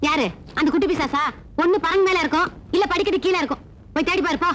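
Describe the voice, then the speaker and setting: A sharp-tongued stepmother from a 1990s film, her voice very high and piercing. She fires off complaints at a breakneck clip, never pausing, scolding everyone in the house. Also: slight background noise. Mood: scornful. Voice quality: shrill, scolding, rapid-fire complaints. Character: sharp-tongued nagging stepmother, middle-aged woman.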